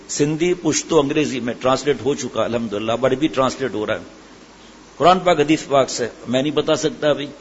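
A middle-aged man preaching a sermon, asking his listeners questions and answering them himself. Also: a little high. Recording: hall echo, dull sound, faint ambient noise.

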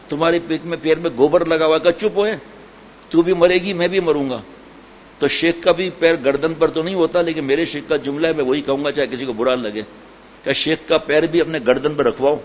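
A man giving a sermon as a religious teacher, telling everyday stories and asking rhetorical questions. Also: medium pitch. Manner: storytelling, folksy, rhetorical questions. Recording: slightly dull recording with faint noise.

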